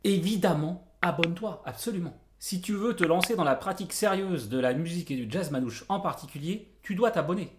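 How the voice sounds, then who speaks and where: A man's voice: high voice, brisk, few pauses, reverberant, noisy background. A man giving a casual guitar tutorial to camera, joking and self-deprecating, his mouth numb from dental anaesthetic. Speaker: jazz guitar coach and video teacher.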